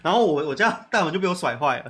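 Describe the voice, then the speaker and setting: A young man with a Taiwanese Mandarin accent, hosting a casual podcast and telling stories in an animated way. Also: on the high side, racing, breathy edge. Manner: animated storyteller, laughs often. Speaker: podcast host.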